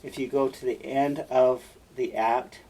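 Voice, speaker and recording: A man's voice: mid-range voice, fairly even intonation, unhurried, mellow. A man teaching, who reads a play aloud and explains it in a casual, conversational way with asides to students. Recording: distant mic, faint room noise.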